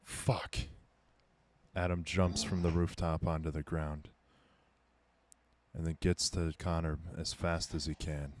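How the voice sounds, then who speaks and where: A man's voice: extremely low pitch, flat delivery, unhurried, slight background noise. A man running a tabletop game as game master, narrating a violent scene in grim, dramatic tones. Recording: faint background music.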